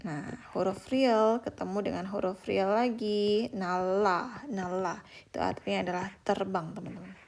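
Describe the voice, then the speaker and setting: A young woman teaches a beginner language lesson to an online audience. Her mid-pitched voice carries a noticeable vocal fry. She speaks patiently, drawing out example words and turning to her viewers as friends. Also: steady tone, moderate pace, a little mellow, slight background noise.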